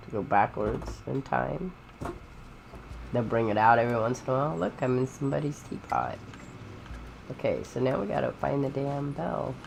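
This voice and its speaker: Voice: mid-range voice, animated, normal speed, creaky, a little hiss or hum. A gamer giving informal, rambling commentary while playing, chatting casually about games. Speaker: gamer, game streamer. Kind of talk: casual gameplay commentary and chat. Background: game music.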